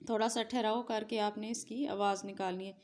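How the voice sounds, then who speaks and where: A woman teaching a reading lesson, slowly chanting letter sounds in a repetitive sing-song drill. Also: medium pitch, fairly even intonation, darkish tone. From Pakistan.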